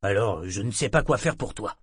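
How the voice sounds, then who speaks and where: A gruff, worn-out ship's mate speaks low and slow, with clipped, curt replies, as a male narrator plays him. The recording is dry and close to the mic. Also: animated, no echo. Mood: weary.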